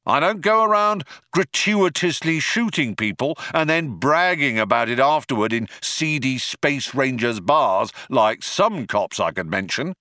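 A man voicing a shouting, indignant cop who is trigger-happy yet proud of his sensitivity, in a storybook reading. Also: medium pitch, no room sound, studio quality, voice pushed up. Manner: bellowing, self-justifying.

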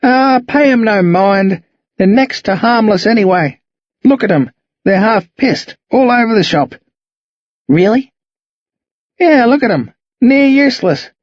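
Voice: medium pitch, expressive, a little slow, pauses often, no room sound, dull audio, pitched above the performer's own voice, lightly acted. A reader voicing a friendly, chatty older country man with a broad, slangy drawl. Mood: easygoing.

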